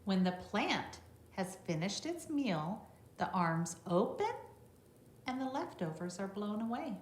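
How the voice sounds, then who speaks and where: In an indoor classroom, a middle-aged woman teacher reads a picture book to young children in a very animated, medium-pitched voice at a measured pace, adding instructive asides and small check-in questions. The recording has roomy echo and faint background noise.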